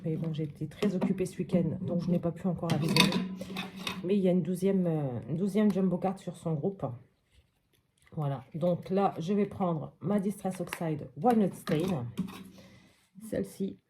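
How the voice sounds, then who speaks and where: A woman's voice: fairly low pitch, normal speed, background noise. A woman hosting a casual step-by-step crafting tutorial at her craft table at home, chatting and thinking aloud with many little hops and voilàs.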